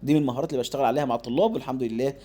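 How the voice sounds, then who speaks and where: A man with an Egyptian accent teaching English phonics, explaining fast and then modeling words slowly. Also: medium pitch, dark tone. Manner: shifts between rapid explanation and slow drawn-out modeling of words.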